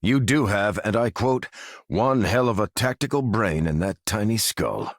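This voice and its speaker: A man's voice: on the low side, lively intonation, measured pace, no room sound, studio quality. An American man playing Captain America, a stalwart veteran soldier hero and earnest, commanding leader in a video game. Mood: earnest, measured. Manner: earnest, commanding, military phrasing. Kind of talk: video game character voice lines.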